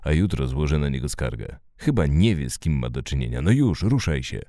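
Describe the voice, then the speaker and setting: A protective male driver who keeps his words short and commanding, as a male reader plays him. The voice is very low and dark with a lively pitch contour, recorded dry and close for an audiobook story. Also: brisk, no echo. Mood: stern. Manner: curt, commanding.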